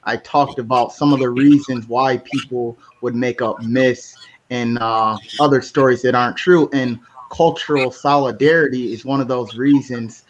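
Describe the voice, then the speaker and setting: American podcast host on a muffled line. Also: male voice, mid-range voice, fairly even intonation, normal speed. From United States. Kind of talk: casual conversation. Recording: slightly muffled with faint hiss.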